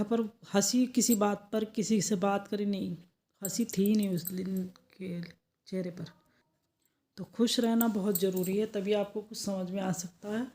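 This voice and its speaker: A woman's voice: mid-range voice, mellow. A woman teaching English in Hindi, telling a story about a student in a chatty way, with many fillers and repetitions. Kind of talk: casual Hindi lecture with an anecdote.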